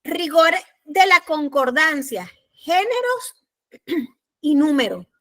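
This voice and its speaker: A woman with a Panamanian Spanish accent teaching a law class, speaking deliberately and repeating her key points. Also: high voice, sing-song, a bit bright. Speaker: law lecturer. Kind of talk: recorded class lecture.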